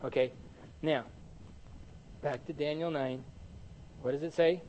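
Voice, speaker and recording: A man with a high, bright-pitched voice leads a Bible study sermon. He teaches in an animated, conversational way, quizzing the congregation and answering his own questions. A faint ambient hum sits behind him. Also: measured pace, low-quality recording. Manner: animated, asks the audience questions and answers them.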